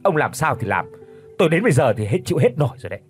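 A man voicing a shrill, spiteful middle-aged daughter-in-law in an audiobook, hissing and scornful. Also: sing-song, normal speed, faint music behind, lightly acted. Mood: screeching. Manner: hisses and shrieks, scornful.

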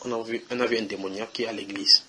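A man's voice: on the low side, steady tone, racing, pushed and bright, slight background noise. A man preaching at a house church, reading Bible verses and questioning his listeners in a conversational way.

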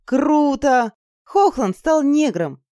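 A woman's voice: mid-range voice, sing-song, moderate pace, darkish tone, no echo, clean studio sound, lightly acted. A woman voicing a bold, reckless young heroine in an audiobook, who gives orders in a brash, commanding way. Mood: gleeful.

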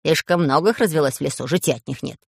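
A woman's voice: sits low, quick pace, vocal fry, breathy edge, dry recording, clean studio sound, exaggerated voice. A woman doing a grave old pygmy professor. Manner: grave, sober, resigned.

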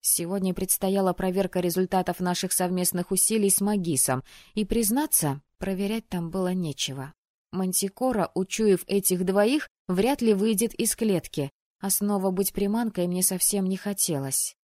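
A woman narrating a fantasy novel in the first person, in an even, measured storytelling voice. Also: mid-range voice, no echo, clean studio sound. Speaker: audiobook narrator.

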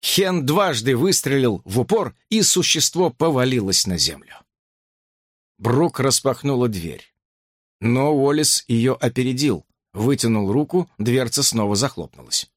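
A man narrating a horror audiobook with an expressive, dramatic reading. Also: mid-range voice, a little slow, no room sound, clean studio sound.

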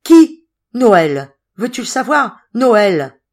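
A woman reading a storybook voices an agitated elderly father who shouts in alarm. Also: fairly high pitch, big pitch swings, extremely slow, pitched above the performer's own voice, full character voice. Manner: shouting, exclamatory.

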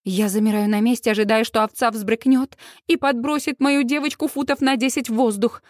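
Lively woman reading an audiobook. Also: on the high side, a little fast, dry recording, clean studio sound. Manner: lively first-person narration. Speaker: audiobook narrator.

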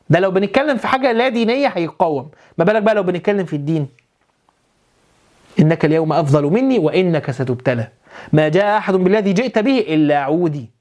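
A man's voice: sits high, darkish tone. A man with an Egyptian Arabic accent giving a religious lesson, often repeating phrases and putting rhetorical questions to his listeners. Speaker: preacher.

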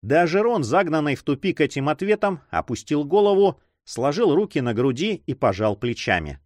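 A man narrating an adventure novel as an audiobook, expressive and animated. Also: a little high, moderate pace, dry recording. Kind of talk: audiobook reading.

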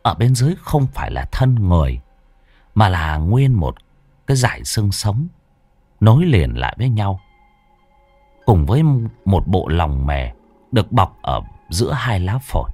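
Man, ghost-story narrator, low pitch, dramatic slowdowns, dry recording. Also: very animated, darkish tone, slightly rough, no echo, faint music behind.

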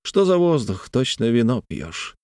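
A teasing, ardent young nobleman voiced by a male audiobook reader speaks in a lifted, lilting, animated way. The sound is dry and close, with no room around it. He plays with words, lightly mocking and pleading. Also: medium pitch, unhurried, dry recording. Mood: playful, ardent. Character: playful, talkative young nobleman in love.

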